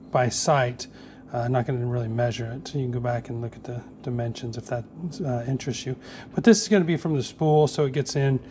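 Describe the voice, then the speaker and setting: Man, 40s, slightly high voice, unhurried how-to narration, camera mic in a workshop with faint hiss. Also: darkish tone. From Northeast Florida. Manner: plain, easygoing, narrating each step with many "uh"s. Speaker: fishing tackle maker. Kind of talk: casual how-to workshop demonstration.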